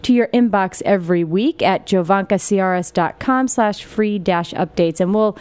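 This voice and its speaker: A woman's voice: medium pitch, normal speed, darkish tone, clean tone, dry recording. A woman hosting a podcast interview, chatting casually with fillers and restarts. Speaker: podcast host.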